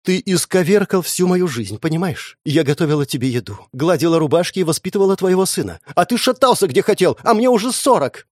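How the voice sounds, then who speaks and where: A man's voice: fast talker, darkish tone, no echo, clean studio sound, lightly acted. A man reading a storybook, voicing a bitter forty-year-old wife who hurls accusations in a raised, strained voice. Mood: shrill, accusing. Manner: accusing, high-pitched outbursts.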